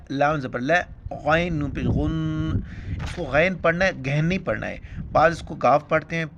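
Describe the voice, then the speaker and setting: A man teaching Quran recitation, explaining letters quickly in Urdu with a Pakistani accent, then chanting verses slowly and loudly. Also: on the high side, background noise. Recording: dull lo-fi sound.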